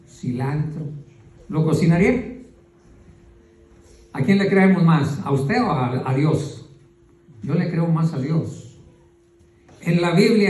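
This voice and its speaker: Pastor, preaching in an echoey church. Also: male voice, a little high, darkish tone, recorded from a distance. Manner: folksy preaching, keeps calling listeners brother. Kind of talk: sermon. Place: church hall.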